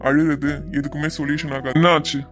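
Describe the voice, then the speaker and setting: A woman's voice: low-pitched, little pitch movement, a little fast, faint music behind, close to an everyday voice. A woman voicing a devoted, protective young man in a cartoon, earnest and reassuring. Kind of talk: cartoon voice acting.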